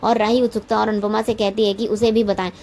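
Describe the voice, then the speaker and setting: Woman narrating a serial recap, flat. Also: medium pitch, fast talker, a little hiss or hum. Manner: frequent restarts and self-corrections.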